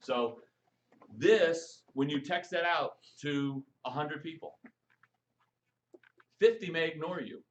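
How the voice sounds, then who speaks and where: A man coaching a live audience on texting for network marketing, lively and jokey, firing questions at the room. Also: fairly high pitch, takes it slowly, pauses often, low-quality recording. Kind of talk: live stream training talk to an audience.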